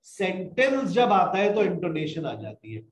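A man with a fairly high voice teaches spoken English at a slow, unhurried pace. He explains patiently and mixes English phrases into his lesson. He is recorded in an echoey room with faint background noise. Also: big pitch swings. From Pakistan.

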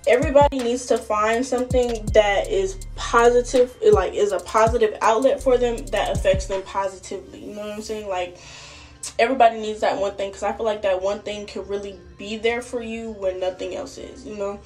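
A woman's voice: mid-range voice, a little fast, soft background music. Chatty young woman vlogging on a phone. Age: young adult. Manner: chatty, slangy, animated, talks straight to viewers. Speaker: college student vlogger. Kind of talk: casual vlog talk to camera. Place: small indoor rooms, dorm and bathroom. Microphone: phone camera at arm's length.

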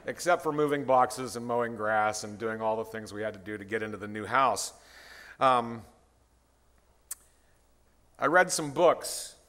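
A man's voice: mid-range voice, unhurried, pauses often, a bit bright. A retired pastor in his sixties, preaching a guest sermon in a conversational way and calling out to the congregation. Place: church sanctuary. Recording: reverberant church hall.

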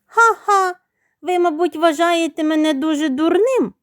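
A woman voicing a cheeky young boy chick in a storybook, talking in a high, eager way. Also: measured pace, no room sound, studio quality.

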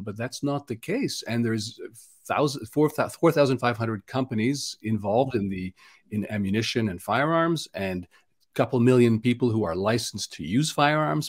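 Canadian male host, casual conversational interviewer, mid-pitch, frequent restarts.

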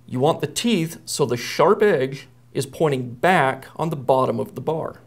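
Working at an indoor workshop bench, a man in his thirties demonstrates a repair step by step. He's a technician with a fairly high, animated voice, speaking at a measured pace in a plain, methodical way.

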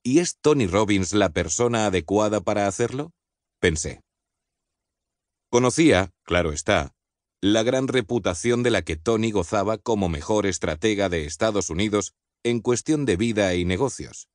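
A man reads a book foreword aloud as an audiobook narrator, with a fairly low voice. His delivery is measured and even, each phrase set out clearly. The studio sound is dry and close, with no room around it. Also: no echo.

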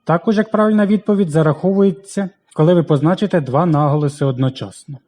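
A man teaching a language lesson in a scripted, careful way, slowly reading out lists of example words. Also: on the high side, mellow.

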